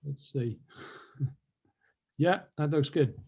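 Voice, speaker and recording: A man's voice: fairly high pitch, slow pace, vocal fry, mellow, slightly rough, highs cut off. A man chairing an online science meeting over a video call, making brief, matter-of-fact remarks to hand over to the next speaker. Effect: heard over a video call. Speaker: session chair. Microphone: computer mic on a video call.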